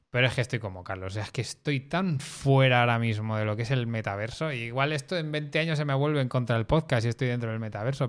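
A man's voice: medium pitch, fairly bright tone, clean tone. A man with an accent from Spain chatting on a podcast, explaining opinions colloquially and repeating words as they go. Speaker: podcast panelist. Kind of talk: casual chat.

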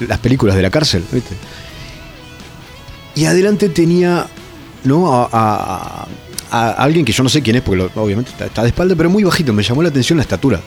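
A man's voice: lowish voice, darkish tone. A man with a Rioplatense Spanish accent, a touring metal musician chatting as an interview guest, rambling through stories with restarts and tag questions. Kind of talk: casual interview chat.

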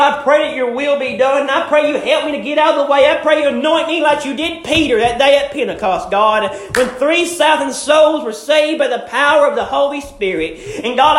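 A man's voice: extremely high pitch, a bit bright, reverberant. A male preacher delivering a fervent sermon and prayer in a church, stretching out key words for emphasis. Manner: fervent, drawn-out emphatic phrasing.

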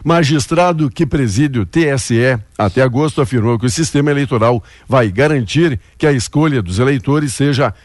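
A man's voice: medium pitch, no echo. Male news presenter, dry studio sound. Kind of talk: headline reading mixed with casual banter.

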